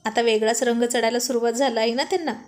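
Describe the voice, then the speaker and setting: A woman's voice: a little high, fairly even intonation, fast, close to an everyday voice. A woman reading the lines of a cheeky young man who mocks his friend in jokes. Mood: mocking. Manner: mocking, jokey.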